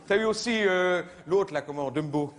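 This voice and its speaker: A man doing live stand-up comedy, mocking and conversational, now and then shouting in put-on voices. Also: sits high, moderate pace. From Belgium. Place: theater stage before a live audience. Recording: live show recording with crowd noise. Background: audience laughter and applause.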